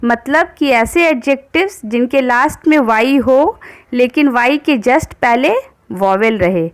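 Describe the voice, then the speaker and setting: A woman teaching English grammar, reading each rule out slowly and then explaining it in Hindi, asking and answering her own questions. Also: sits high, expressive. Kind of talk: explanatory lesson.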